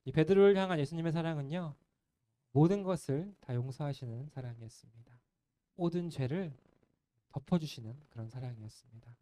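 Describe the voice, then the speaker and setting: Gentle, mellow-voiced male pastor preaching. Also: a little high, brisk. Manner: earnest, gentle preaching with soft trailing phrase ends. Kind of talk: sermon. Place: church sanctuary.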